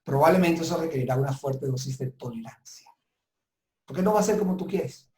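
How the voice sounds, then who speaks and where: In a webinar interview, a guest consultant from southern Italy gives advice with emphasis and reflection. He talks fairly quickly in a warm, somewhat high voice, and the audio has a roomy, echoing quality.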